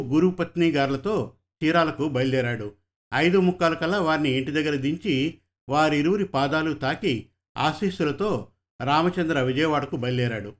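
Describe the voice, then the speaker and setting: A man narrating a story in a calm, measured way. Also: a little high. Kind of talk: scripted narration.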